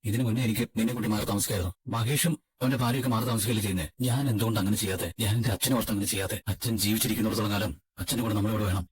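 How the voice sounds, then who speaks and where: A man plays a steady, protective husband who keeps comforting and reasoning with his wife. He talks very quickly in a low, husky voice. The sound has a radio-like filtered quality. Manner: consoling, reasoning. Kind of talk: Malayalam serial fan dub.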